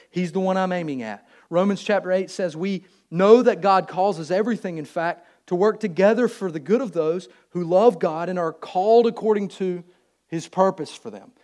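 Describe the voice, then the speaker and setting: Male pastor, sermon, casual and animated, voice a touch high. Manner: conversational, animated preaching that acts out everyday voices.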